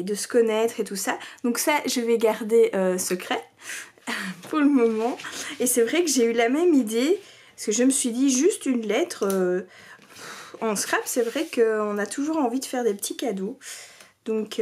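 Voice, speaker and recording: A woman vlogger with a fairly high, darkish voice chats casually while showing off scrapbooking mail in a craft show-and-tell. She's hesitant, uses many fillers, and sometimes drops to a near-whisper, with faint background noise and clicks in the recording.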